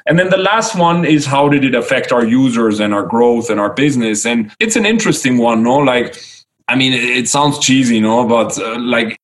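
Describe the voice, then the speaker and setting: A man speaking as a startup founder in an interview, in a conversational tech-bro manner with business jargon and frequent "like", "right?" and "no?" tags. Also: lowish voice.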